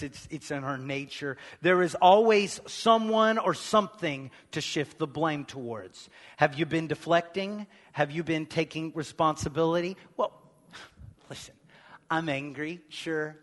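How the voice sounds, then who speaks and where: A man preaching a sermon, firing off rhetorical questions and swinging from loud, pressing lines to hushed ones. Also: on the high side, long reverb tail. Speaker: pastor.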